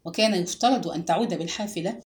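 A woman voicing a gentle, weary police inspector. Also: lowish voice, rapid-fire, pitched below the performer's own voice, close to an everyday voice. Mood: grave, gentle.

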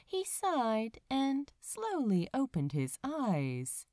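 A female podfic reader narrates fiction in an expressive audiobook style, her pitch swinging dramatically from phrase to phrase at a slow, measured pace. The recording is dry, with barely any room presence and no echo.

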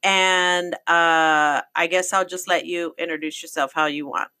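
A woman's voice: on the low side, fairly even intonation, unhurried, pushed and bright. A woman hosting a podcast in a casual, conversational chat. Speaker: podcast host.

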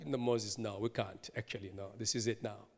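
A man's voice: on the low side, fairly even intonation, fairly quick, darkish tone, pitched below the performer's own voice. A man voicing God as a patient, then stern, divine voice while retelling a story. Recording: long hall reverb.

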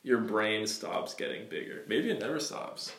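A man's voice: lowish voice, expressive, moderate pace, creaky, fairly bright tone. A young man co-hosting a podcast in casual, joking chat, laughing often. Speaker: podcast co-host. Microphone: podcast mic. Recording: echoey room with background noise.

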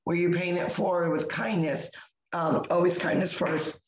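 Hoarse woman in an echoey room. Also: fairly low pitch, fairly even intonation, moderate pace. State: hoarse, voice nearly lost. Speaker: co-host of a sisters' morning livestream. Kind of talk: casual motivational chat.

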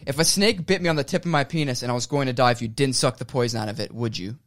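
A man's voice: medium pitch, rapid-fire, fairly bright tone. A man co-hosting a crude comedy podcast, flustered and swearing, fighting off hiccups. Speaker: podcast co-host.

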